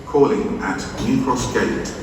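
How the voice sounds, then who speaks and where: A man making a formal, measured platform announcement over a station loudspeaker, reading the calling points. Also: mid-range voice. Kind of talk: automated train departure announcement. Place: large railway terminus concourse. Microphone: public address loudspeaker picked up from a distance. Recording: echoey station hall from far off, noisy. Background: station noise and ambience.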